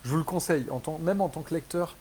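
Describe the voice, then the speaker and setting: A man talking casually and enthusiastically in a live chat with readers, rambling with many fillers and restarts, and growing animated when he retells a scene. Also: fairly high pitch, fast, a little hiss or hum, low-quality recording. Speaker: author hosting a live reader Q&A.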